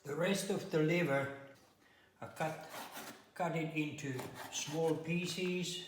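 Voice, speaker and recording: A man walks through serving and eating a home-cooked meal, talking casually between bites. His voice sits a touch high and rings around a hard, very echoey kitchen. A faint hiss runs underneath. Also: fairly even intonation, slow, distant mic. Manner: chatty, talks while eating. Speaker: home cook. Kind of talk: casual cooking demonstration. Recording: very echoey room, faint noise.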